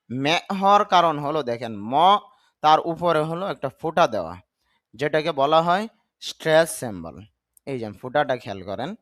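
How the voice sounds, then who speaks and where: A man's voice: fairly high pitch, a bit bright. Bengali-speaking man teaching English sounds. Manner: spells out words slowly, repeats sounds. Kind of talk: pronunciation lesson.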